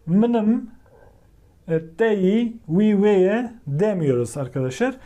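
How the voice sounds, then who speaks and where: A man teaching a language lesson, repeating each word slowly and calling out to his viewers as he drills grammar forms. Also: sits high, expressive, dark tone.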